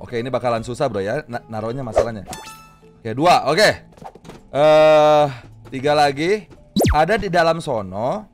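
A man's voice: mid-range voice, lively intonation, unhurried, pauses often. A young man giving playful, exclamatory, slangy commentary on a video game, often repeating his words. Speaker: gamer, video host. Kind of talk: casual gameplay commentary. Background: game music.

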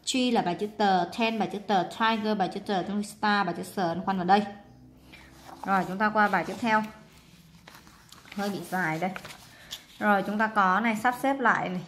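A woman's voice: medium pitch, a little fast, long pauses, fairly bright tone, slight background noise. A woman with a Vietnamese accent, patiently explaining English worksheet exercises to young children and spelling words out letter by letter. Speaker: primary school English teacher.

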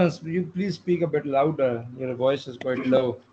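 A man patiently gives a live online programming lecture, with many fillers and restarts. His voice is mid-range and warm, at a measured pace, captured in dull lo-fi sound with faint noise.

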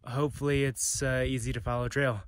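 Vlogging his hike with a phone at arm's length, a man in his thirties talks a little fast in a level, medium-pitched voice full of fillers and restarts. The casual narration, with slight hiss or hum, moves from a mountain trail outdoors to an indoor room.

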